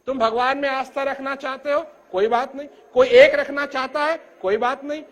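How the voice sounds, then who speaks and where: An older man giving an emphatic spiritual discourse, speaking loudly and from the heart, his voice rising and falling. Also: fairly even intonation, moderate pace. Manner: rises and falls in pitch and loudness. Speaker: spiritual teacher.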